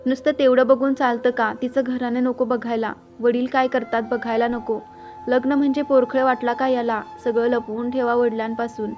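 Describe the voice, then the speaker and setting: A woman's voice: on the high side, little pitch movement, normal speed, highs cut off, faint music behind, natural voice. A woman voicing a stern, domineering middle-aged father who scolds harshly. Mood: scolding.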